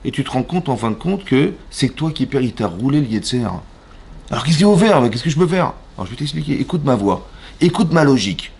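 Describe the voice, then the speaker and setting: A man with a French accent, a rabbi giving an animated Torah class in a synagogue, questioning his listeners and acting out voices. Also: medium pitch, slightly rough. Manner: animated, asks the audience questions, acts out voices. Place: synagogue hall.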